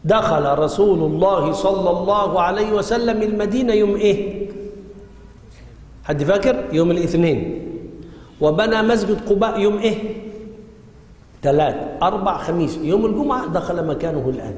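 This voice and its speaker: A man's voice: high-pitched, normal speed, pauses often, darkish tone. Egyptian man teaching in an echoey hall. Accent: Egyptian Arabic. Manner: quizzes students with frequent call-and-response questions. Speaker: Islamic jurisprudence teacher. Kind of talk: religious classroom lesson.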